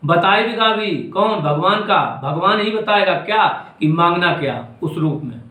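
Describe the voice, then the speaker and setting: High-pitched scolding holy man, echoey. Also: animated, unhurried, sharp tone. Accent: Braj Hindi. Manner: scolding, repetitive, emphatic. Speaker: spiritual teacher. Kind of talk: devotional discourse.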